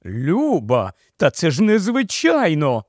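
A man voicing a chatty, vain young noblewoman who gushes loudly and giggles easily. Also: high voice, very animated, a little slow, no room sound, clean studio sound. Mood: gushing. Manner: gushing, loud, fussy.

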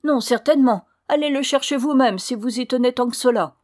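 A woman's voice: a little high, fast, darkish tone, close to an everyday voice. A woman voicing a spoiled, bad-tempered young girl who is sulky and scornful, in a storybook reading. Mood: snappish.

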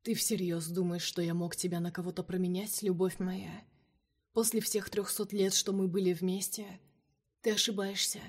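A woman voicing a cunning male vampire king held captive, speaking softly and coaxingly in a storybook reading. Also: fairly low pitch, little pitch movement, moderate pace, husky. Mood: seductive. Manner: soft, velvety, coaxing.

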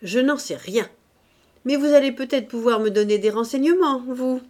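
A woman reading a gruff, suspicious husband. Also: fairly high pitch, moderate pace, a little mellow, pitched above the performer's own voice, close to an everyday voice. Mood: guarded. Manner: blunt, grumbling.

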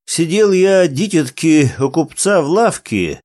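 A man voicing an old wandering minstrel who tells his tale in a fond, drawn-out folk manner. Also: on the high side, animated, darkish tone, no room sound, studio quality, pitched above the performer's own voice. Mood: telling. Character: old male wandering minstrel, gentle storyteller.

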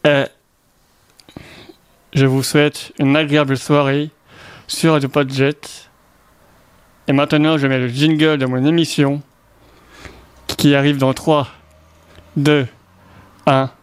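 A man hosting an informal radio show in a halting way, speaking through a face mask. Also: on the high side, little pitch movement, clean tone, no echo. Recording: loud music behind the voice. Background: loud music.

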